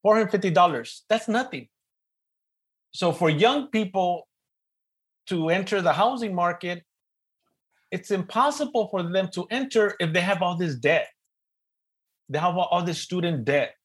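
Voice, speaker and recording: A middle-aged man with an East Los Angeles Chicano accent, moderating a webinar informally in a joking, animated way and often repeating words. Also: high-pitched, a little slow, pauses often, slightly rough. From East Los Angeles, United States. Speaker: panel moderator.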